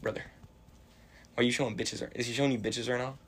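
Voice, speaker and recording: A man's voice: medium pitch, little pitch movement, fast, husky. A young American man hosting a casual sports betting chat, talking like a frat bro with slang, swearing and banter. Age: young adult. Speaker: sports betting podcast host.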